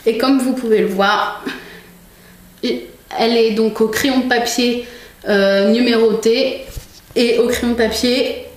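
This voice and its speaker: A woman's voice: a little high, fairly even intonation, takes it slowly, long pauses. A young woman chatting casually in a vlog, showing things to the camera with many fillers and restarts. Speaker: vlogger. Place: room at home. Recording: echoey room with faint noise.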